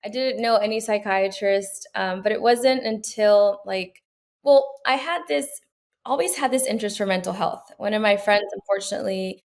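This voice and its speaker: A woman's voice: mid-range voice, steady tone, normal speed. A young woman from Peru, a medical student, answering interview questions in an earnest, reflective way with frequent fillers and restarts.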